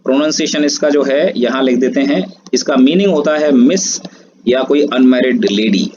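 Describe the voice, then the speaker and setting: A man's voice: medium pitch, normal speed. A man teaches a screen-based language lesson, spelling words out letter by letter and drawing out pronunciations. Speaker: French teacher. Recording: dull lo-fi audio, steady background noise.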